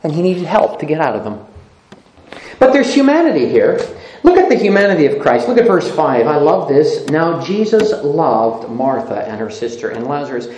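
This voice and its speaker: A preacher giving a sermon, reading scripture aloud and repeating phrases for emphasis, moving between loud emphasis and soft low asides. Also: very animated, normal speed, a little hiss or hum. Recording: echoey room.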